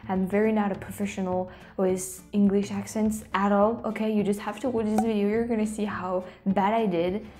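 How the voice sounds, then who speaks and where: At a moderate pace and with hardly any pauses, a young French-accented woman chats casually to camera from a small room for her YouTube vlog. Her medium-pitched voice moves little in pitch, and she tends to restart and slip into whispers.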